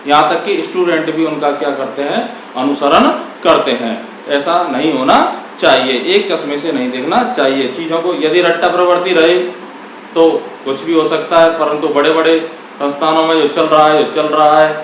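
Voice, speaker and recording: Speaking in a high-leaning, fairly bright voice, this man lays out Hindi grammar like a lesson, raising questions and answering them himself. He sounds distant from the mic in a very reverberant room, with slight hiss or hum present.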